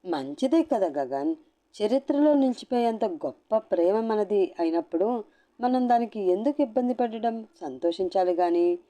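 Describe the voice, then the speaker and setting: A woman's voice: medium pitch, expressive, normal speed, mellow, voice pushed up, natural voice. A woman voicing a clingy, scheming young woman who taunts and defies in a storybook reading. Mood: taunting.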